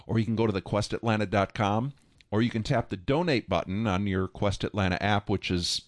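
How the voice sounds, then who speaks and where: A man's voice: lowish voice, fairly quick, no room sound, clean studio sound. A man co-hosting a radio pledge drive, chatty and eager. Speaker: radio co-host.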